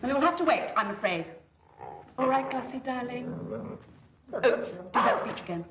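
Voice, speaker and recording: An actress playing a bossy, impatient young upper-class woman who briskly scolds and directs a rehearsal. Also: on the high side, expressive. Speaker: organizer directing a village sketch. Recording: TV drama sound with loud background noise.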